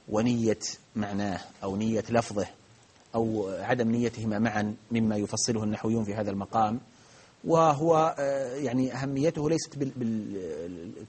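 A man gives a grammar lesson in a rough, husky voice. He talks quickly and patiently, working through each point with frequent restarts and hesitations. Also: lowish voice, a little mellow. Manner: patient, explains step by step with many restarts and fillers. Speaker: Arabic grammar teacher. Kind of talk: live grammar lesson with questions.

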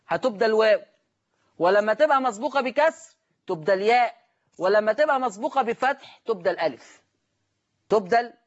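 An Egyptian-accented man teaches Quran recitation on a broadcast lesson. He poses questions and answers them himself, repeating each key term. The audio is slightly dull. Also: sits high.

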